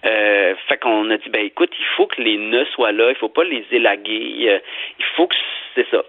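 A man's voice: lowish voice, moderate pace. A man with a Québécois accent, a theatre director being interviewed, talking thoughtfully with many restarts and fillers. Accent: Québécois French. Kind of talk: radio interview. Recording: tinny phone line.

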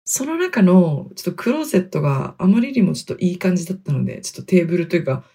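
A woman around thirty from Hokkaido, hosting her own podcast with chatty, self-deprecating solo talk, speaking quietly from inside a closet. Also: fairly low pitch, very animated, racing, slightly rough. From Hokkaido, Japan. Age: 30s. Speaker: podcast host. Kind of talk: casual solo podcast chat. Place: inside a closet in a wooden apartment studio. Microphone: computer mic in closet.

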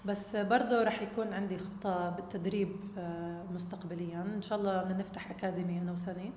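Young Jordanian-accented woman, interview guest. Very fast, casual, English mixed in. Reverberant room with faint noise. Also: on the low side, fairly even intonation, a little mellow. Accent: Jordanian Arabic. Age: young adult. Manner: mixes English words into Arabic. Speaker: interview guest, basketball player. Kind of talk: casual conversational storytelling.

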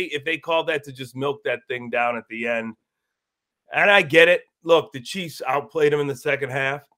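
A man's voice: mid-range voice, fairly bright tone. Casting note: male sports radio co-host, easygoing reflective delivery.

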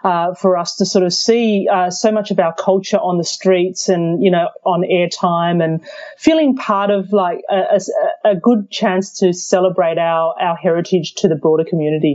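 A woman's voice: lowish voice, fairly even intonation, moderate pace, darkish tone, muffled recording. A woman from Australia, an arts venue chief executive, answering interview questions in a hesitant way with many fillers and restarts.

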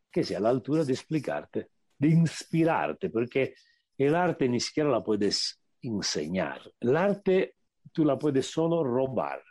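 This Italian-accented man, a meditation teacher on the radio, answers interview questions reflectively, often hunting for words and easing his pace to stress key ideas. His voice rises and falls a great deal and sounds warm. The audio is intimate and dry, captured close to the mic.

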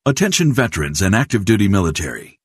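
A man reading a scripted injury lawyer ad as a spokesperson, with an urgent, direct pitch. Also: sing-song, fast, husky, no room sound, studio quality. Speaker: non-attorney ad spokesperson.

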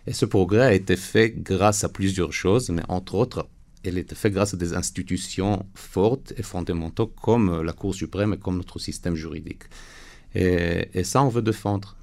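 Deep, gravelly man with foreign-accented French. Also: a little mellow. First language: not French. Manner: earnest, halting phrasing with searching for words. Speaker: interview guest, lawyer and reservist. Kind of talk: radio interview answers.

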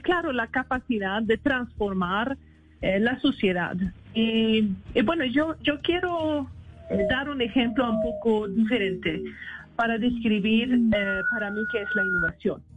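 Higher-voiced woman with foreign-accented Spanish. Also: husky, dull audio. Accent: foreign, non-native Spanish. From Sweden. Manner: careful, halting delivery with searching for words. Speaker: ambassador, interview guest. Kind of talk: radio interview by call.

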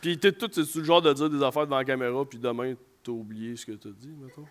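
A man with a Quebec French accent hosting a podcast, asking relaxed conversational questions. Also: medium pitch, fast. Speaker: podcast host. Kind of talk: casual podcast chat.

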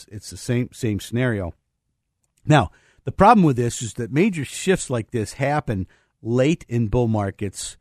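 A man's voice: medium pitch, a little mellow, dry recording, studio quality. A man hosting a financial talk radio show, rambling through market views with many fillers and restarts. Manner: explains market terms plainly.

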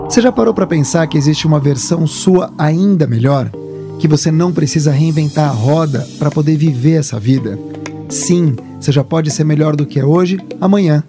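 A man's voice: fairly high pitch, moderate pace, music in the background. A man hosting a podcast, speaking in a polished, upbeat, motivational way. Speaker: podcast host. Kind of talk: podcast intro and interview.

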